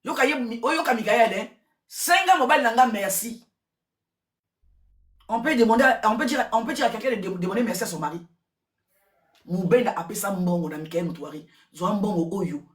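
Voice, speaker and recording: Woman, casual gossip commentary, excitable, switches languages, roomy echo. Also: mid-range voice, brisk, pauses often. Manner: switches between French and Lingala, repeats words, excitable. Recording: roomy echo, distant from mic.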